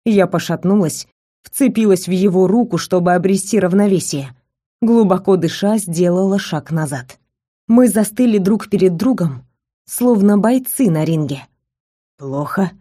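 Woman narrating in a mellow, measured voice. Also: medium pitch. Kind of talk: first-person audiobook reading of a romance novel.

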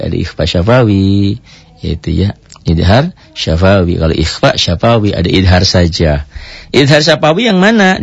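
A man teaching Quran recitation rules in a radio lesson, explaining step by step, asking and answering his own questions and chanting example verses slowly. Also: fairly low pitch, slightly rough, no echo. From Indonesia. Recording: muffled dry radio broadcast.

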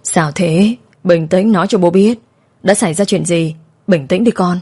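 Woman voicing a gentle, reassuring father. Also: fairly low pitch, moderate pace, husky. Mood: concerned. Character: worried middle-aged father, a fisherman.

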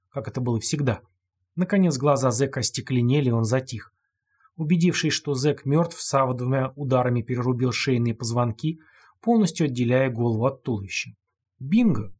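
A man narrating an audiobook in a steady, dramatic reading voice. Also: medium pitch, breathy edge.

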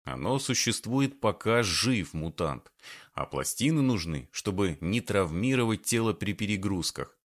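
A man's voice: lowish voice, expressive, measured pace. A man voicing a blunt, unflappable grown man. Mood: pondering. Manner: blunt, matter-of-fact.

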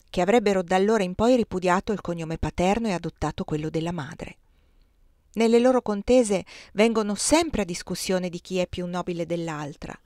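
Woman reader, expressive measured storytelling, dry close sound. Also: fairly low pitch, no room sound. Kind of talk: reading a historical memoir aloud.

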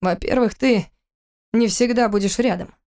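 A woman's voice: fairly high pitch, normal speed, darkish tone, lightly acted. Contemptuous angry husband, read by a woman. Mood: cold, harsh. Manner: harsh, contemptuous, clipped. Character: cold, furious husband, adult man. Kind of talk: audiobook character reading.

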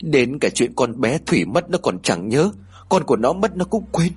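A man's voice: medium pitch, sing-song, normal speed, a little mellow, husky, soft background music. A man voicing a worried middle-aged mother who urges and soothes her daughter. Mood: coaxing.

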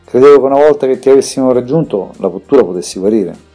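A man's voice: mid-range voice, lively intonation, quick pace, mellow, faint music behind, voice pushed up, close to an everyday voice. A man voicing a protective, hot-headed young man in an audiobook, speaking with urgent insistence.

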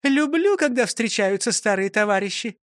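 A man voicing a cheerful, fussy elderly schoolteacher woman who exclaims brightly. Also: high-pitched, expressive, normal speed, no echo, studio quality, voice pushed up. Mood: delighted. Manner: chirpy, exclaiming.

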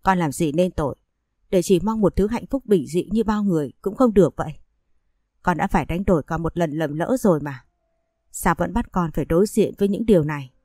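Woman narrator as a heartbroken young teacher, pleading and tearful, low dark voice. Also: fairly quick, dry recording, studio quality, close to an everyday voice.

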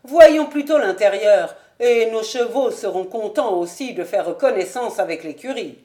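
A woman voicing a boisterous, jovial young nobleman who speaks loudly and bluntly in an audiobook. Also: medium pitch, expressive, a little slow, natural voice. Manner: loud, blustering.

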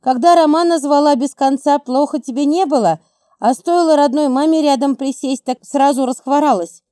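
A woman's voice: high voice, moderate pace, mellow, no room sound, clean studio sound, lightly acted. A woman reading the part of a stern, anxious middle-aged mother who talks in clipped, controlling phrases. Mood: reproachful.

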